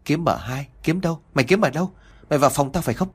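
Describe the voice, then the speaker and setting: Male reader playing a pushy young wife, sharp and demanding, storybook villain. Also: a little high, lively intonation, fast, breathy edge, pitched above the performer's own voice. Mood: agitated. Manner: pressing, demanding. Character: scheming pregnant young wife, sharp-tongued.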